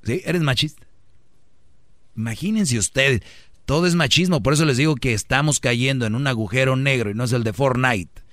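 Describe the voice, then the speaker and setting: A Mexican man hosts a sarcastic commentary, mocking and acting out quotes in put-on voices. His voice sits at a middling pitch. The sound is dry and close, with no room around it. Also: moderate pace, fairly bright tone, no echo. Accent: Mexican Spanish. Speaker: host.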